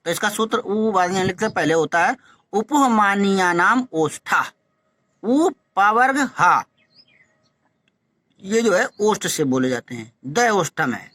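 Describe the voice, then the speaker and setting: A man's voice: sits high, expressive, sharp tone, no room sound. Man teaching pronunciation, dry close sound. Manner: demonstrates sounds slowly, repeats syllables; instructive, urges practice. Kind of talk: phonetics lesson.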